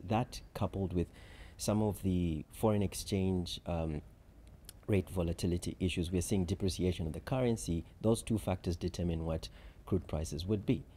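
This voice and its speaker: Deep-voiced man explaining calmly. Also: a little hiss or hum. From Zambia. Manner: measured, structured explanations with frequent "so" and "um". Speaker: chief risk officer, interview guest. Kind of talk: conference interview.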